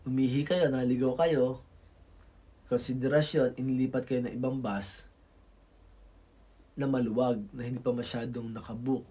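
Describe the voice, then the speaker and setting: A man's voice: mid-range voice, fairly even intonation, moderate pace, pauses often, dark tone, slightly rough. A man from the Philippines giving blunt, lecturing travel advice in a casual vlog. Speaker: Filipino worker in Macau giving travel advice.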